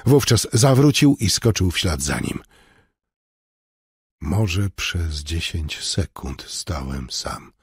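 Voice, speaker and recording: Male narrator for an audiobook, somber and measured; slow, dry close sound. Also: deep voice, sing-song, a little mellow, breathy edge, no room sound. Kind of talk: scripted first-person narration.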